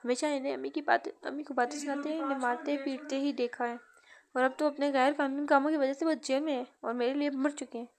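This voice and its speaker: A woman voicing a protective young man, gentle with his family, in a read-aloud novel. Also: high-pitched, fast talker, a crowd in the background. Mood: angry.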